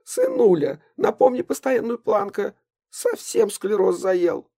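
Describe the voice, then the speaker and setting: A fussy, tipsy old woman chatters in a high, quavering voice that leaps up and down and crackles with gravel, as a male audiobook reader puts her on. The sound is close and dry. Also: huge pitch swings, unhurried, warm tone, no room sound, exaggerated voice. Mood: chirpy. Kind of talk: audiobook reading.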